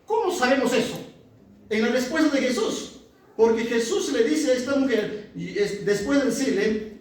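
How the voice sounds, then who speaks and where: A man's voice: very high voice, lively intonation, normal speed, a little mellow. A man teaching a Bible study in a conversational way, often checking in with his listeners by asking whether they follow. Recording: very echoey room, far from the mic.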